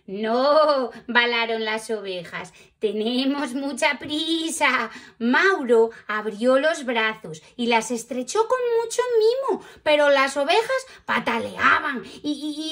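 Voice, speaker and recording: A woman with a Peninsular Spanish accent reading a picture book aloud to children, animated and talking straight to her young listeners. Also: high-pitched. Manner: animated, talks directly to the children. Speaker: children's storyteller.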